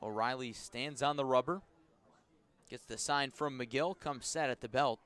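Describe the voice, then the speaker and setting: With a clean tone, a man works as the announcer for live radio baseball, measured between pitches and climbing into excited calls on the action.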